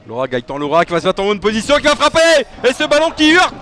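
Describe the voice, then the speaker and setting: A man's voice: very high-pitched, wildly swooping pitch, fast, pushed and bright. A man giving live play-by-play football commentary, following the ball from player to player. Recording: noisy stadium crowd behind the voice.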